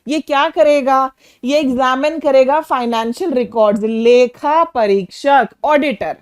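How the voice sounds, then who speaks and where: Woman teacher with a high, bright voice; quizzes her class and checks they follow, slowing to spell out words. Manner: asks students questions and often checks with "okay" and "clear"; slows down to spell and define words in English. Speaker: English vocabulary teacher. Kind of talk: Hinglish classroom lesson.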